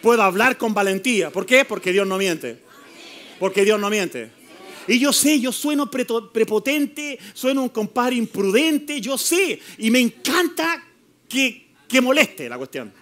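A man's voice: extremely high pitch, lively intonation, a little slow, fairly bright tone. A man preaching a fiery, playful sermon as pastor, mixing mockery with rising declarations. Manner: fiery, playful preaching with mocking put-on voices.

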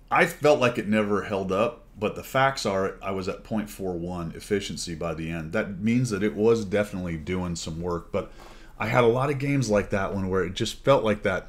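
A man casually commenting over his own gameplay footage, chatty and wry, breaking into exclamations and laughs at good plays. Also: low-pitched. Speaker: gaming channel host.

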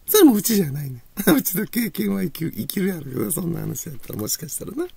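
A woman's voice: on the low side, very animated, quick pace, gravelly, mellow, breathy edge, dry recording. A woman with a Kansai accent telling a rambling personal story, laughing often between phrases. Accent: Kansai Japanese. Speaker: channel host.

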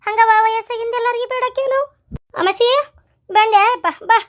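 A woman's voice: extremely high pitch, moderate pace. A woman voicing a self-pitying old village woman in a cartoon, scolding and complaining with a North Karnataka accent. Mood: grumbling. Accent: North Karnataka Kannada.

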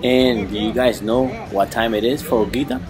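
A man's voice: medium pitch, fairly even intonation, moderate pace. Chatty man vlogging from a boat. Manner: upbeat, chatty, talks to viewers directly. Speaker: vlogger host. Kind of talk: casual vlog narration. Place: outdoors on a boat at a shallow sandbar.

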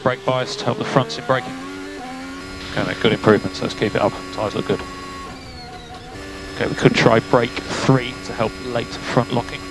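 A man's voice: mid-range voice, rough recording. A man working as a race engineer, giving clipped, matter-of-fact updates over race car radio and repeating key figures. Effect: team radio transmission.

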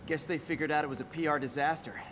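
A man's voice: fairly high pitch, fairly even intonation, fast talker, lightly acted. An actor playing a young, cocky male hero who trades wisecracks with villains in a game cutscene. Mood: confident. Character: young male Spider-Man, quippy and cocky. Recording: game audio over loud music.

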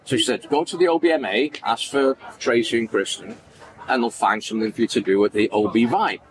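A Manchester man in his forties, a podcast guest, tells stories animatedly in a casual interview, acting out the voices and gesturing widely. His voice is mid-range and fairly quick, captured on a rough recording with crowd noise at an indoor event backdrop at a farmers market.

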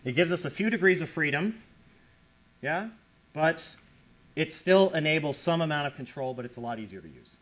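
A man lecturing on computer science, explaining with lively emphasis and checking in with his audience. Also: a little high, normal speed, long pauses. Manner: animated, explanatory, checks in with listeners. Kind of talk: academic lecture.

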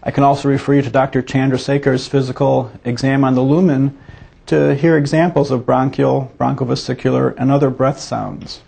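A man's voice: medium pitch, level tone, fairly quick, gravelly, mellow, breathy edge. A man teaching a medical exam as a physician, talking students through each step in a methodical, explanatory way.

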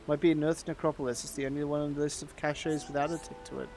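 A man's voice: fairly high pitch, level tone, quick pace, vocal fry, music in the background. A man chatting casually while playing a game and reading its dialogue aloud. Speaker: streamer. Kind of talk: casual gameplay commentary.

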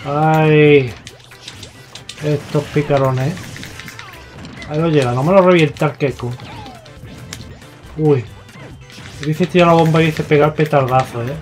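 A young man with a Spain Spanish accent giving excitable, foul-mouthed live gameplay commentary, yelling at his opponents. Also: fairly high pitch, slow, long pauses. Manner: excitable, swears a lot, yells at opponents. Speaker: gaming YouTuber. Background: faint game music.

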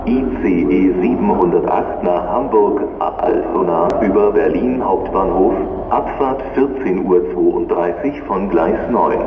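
A man making formal, measured scripted announcements as a German railway station announcer. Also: deep voice, phone-quality sound. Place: train station hall, heard over public address. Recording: distant, reverberant station loudspeaker with noise.

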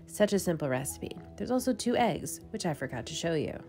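A vlogger in her thirties chats casually through a home cooking video, walking through recipes step by step, first in her kitchen and then in a room with bookshelves. Her fairly low, slightly mellow voice is sing-song and fairly quick, with soft music in the background.

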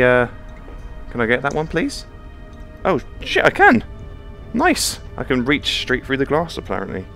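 A man's voice: mid-range voice, a bit bright. A man commenting on a horror game as he plays it, jumpy, swearing often and laughing nervously. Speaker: VR gameplay channel host. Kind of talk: live gameplay commentary. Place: home room, playing on the floor.

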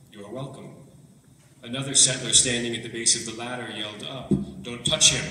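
A man reading a passage from his own book aloud to an audience at a book launch, in a measured, even way. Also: mid-range voice, a little hiss or hum. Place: event hall. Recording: echoey hall recorded from far off.

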